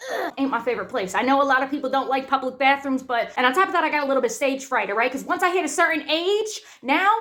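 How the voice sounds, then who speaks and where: Woman, comic storyteller, animated, profane, bright tone. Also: sits high. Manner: animated, profane, punchy delivery. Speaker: comedian.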